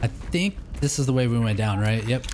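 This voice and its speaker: A man's voice: medium pitch, a little fast, a little hiss or hum. A young man casually commenting on his own gameplay, thinking aloud and calling out "dude" as he plays. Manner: excitable, says dude a lot, thinks aloud. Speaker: let's play gamer.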